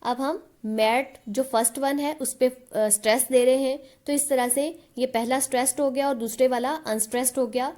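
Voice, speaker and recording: High-voiced woman teaching a literature lesson. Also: fairly even intonation, dark tone. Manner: patient, checks in with "ठीक है?" often; reads English definitions slowly and deliberately. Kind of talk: explaining lesson in Hindi with English terms.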